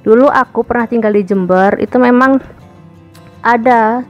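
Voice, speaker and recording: A woman from Indonesia chatting casually to camera as a vlogger, addressing viewers as guys and filling pauses with little hesitations. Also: a little high, muffled recording, faint music behind. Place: home in Morocco.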